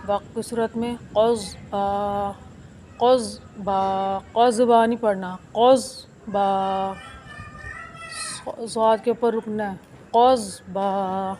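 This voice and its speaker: A woman teaching Quran recitation step by step. She spells each word out slowly, one syllable at a time, and then explains it quickly. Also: mid-range voice, fairly even intonation, dark tone, a little hiss or hum.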